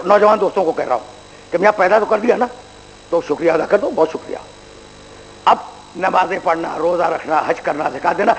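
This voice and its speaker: A male preacher delivering a sermon, swinging between quiet asides to the audience and drawn-out shouted phrases. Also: high-pitched. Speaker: religious preacher. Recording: hall reverb, faint background noise.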